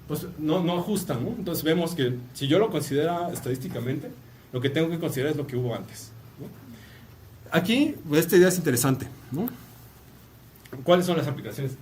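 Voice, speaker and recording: A man's voice: on the high side, a little mellow. A man with a Mexican Spanish accent gives a casual university lecture, chatty, with joking asides and a questioning "no?" tag on many of his phrases. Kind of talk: casual academic talk. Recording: distant mic with faint room noise.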